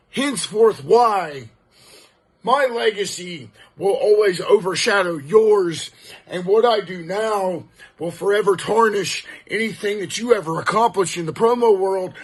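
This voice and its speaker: A man's voice: high voice, slightly rough. A man cutting a cocky, profane wrestling-style promo, boasting and hurling insults at his rival. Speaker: online wrestling promo cutter. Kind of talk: trash-talking wrestling promo.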